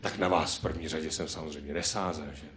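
A man's voice: very deep voice, fairly even intonation, noisy background. A man doing stand-up comedy on stage, chatty and teasing the audience. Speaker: stand-up comedian hosting a live show. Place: theatre hall with live audience. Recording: roomy live hall sound.

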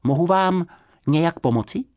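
A man voicing a small, polite young male bear with a high, clear little voice and a self-important manner, in an audiobook. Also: lively intonation, a little mellow, natural voice. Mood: earnest.

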